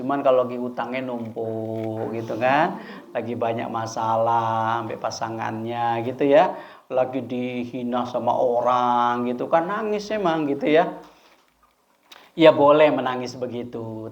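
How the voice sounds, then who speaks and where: A man preaches in a chatty, question-and-answer manner, at a middle pitch. The recording sounds dull and lo-fi. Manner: conversational, often asking and answering his own questions. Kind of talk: religious study talk.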